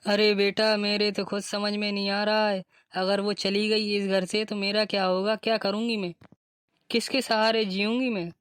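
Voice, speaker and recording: A woman's voice: medium pitch, normal speed, smooth, no echo, clean studio sound, close to an everyday voice. A woman voicing an anxious, pleading older mother-in-law in a cartoon. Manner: pleading, flat even delivery. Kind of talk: cartoon voice acting.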